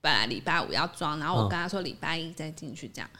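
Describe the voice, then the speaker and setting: A woman's voice: low voice, lively intonation, fast talker, pushed and bright. A young woman co-hosting a podcast in casual chat, telling stories animatedly and laughing often. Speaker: podcast co-host.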